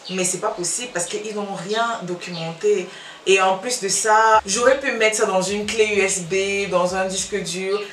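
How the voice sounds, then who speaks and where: Her mid-range voice moves at normal speed and has a fairly bright tone. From Cameroon, she talks to camera as a casual YouTuber in a Belgian-tinged Cameroonian French accent, often repeating herself and trailing off. The mic is distant in an echoey room.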